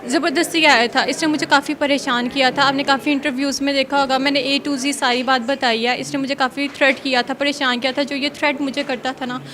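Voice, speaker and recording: A woman's voice: sits high, little pitch movement, brisk, hardly any pauses, bright, forceful tone, a faint crowd. A woman in her late twenties answering an interviewer's questions, defensive and insistent, often replying "yes sir". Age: 20s.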